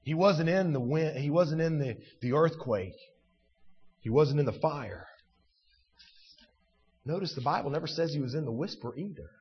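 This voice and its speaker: A man preaching a sermon, swinging between loud declaration and hushed intensity. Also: a little high, expressive, moderate pace, long pauses, husky, in a large hall, lo-fi sound.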